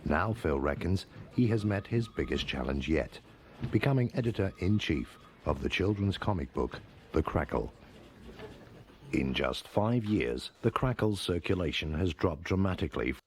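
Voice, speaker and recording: A solemn documentary narrator with an extremely deep voice. He reads in a measured, deadpan way. The narration is scripted, as in a mock documentary. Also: a little hiss or hum.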